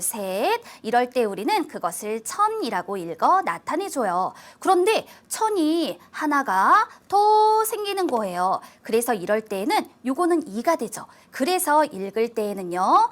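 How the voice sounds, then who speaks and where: Lively sing-song woman teaching kids. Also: sits high. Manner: sing-song, addresses kids warmly with drawn-out emphasis. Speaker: elementary math teacher. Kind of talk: online math lesson for children.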